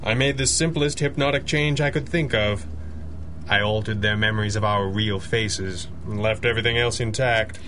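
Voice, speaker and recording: A man playing a commanding, cerebral masked superhero detective with measured, formal delivery in 1930s radio adventure style. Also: on the low side, steady tone, a bit bright, slight background noise, natural voice. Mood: calm, reflective.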